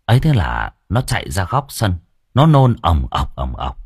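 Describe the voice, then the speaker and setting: Husky expressive male storyteller. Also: sits low, moderate pace, no echo, clean studio sound. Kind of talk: scripted audiobook narration.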